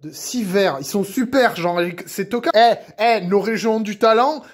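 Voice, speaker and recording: A man's voice: sits high, measured pace. Rambling, foul-mouthed young man cooking. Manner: rambling, swears constantly, self-mocking. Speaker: cooking vlogger. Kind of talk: chaotic improvised cooking vlog. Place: home kitchen.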